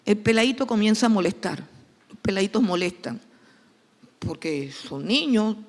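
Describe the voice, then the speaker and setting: A woman's voice: medium pitch, long reverb tail. Emphatic coastal woman preaching. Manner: emphatic, repeats key phrases for stress. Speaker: pastor. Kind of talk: sermon.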